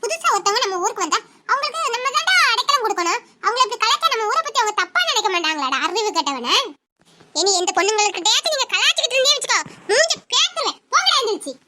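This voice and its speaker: A very high voice playing a tough, sharp-tongued young woman in a cartoon, scolding and mocking. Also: sing-song, rapid-fire, heavy background noise. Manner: scolding, bossy, laughing scornfully.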